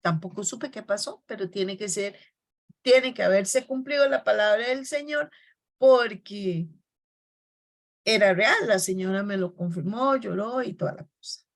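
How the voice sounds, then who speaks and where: A woman preacher giving a sermon, telling personal stories in a soft storytelling manner and slowing down on key phrases. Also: mid-range voice.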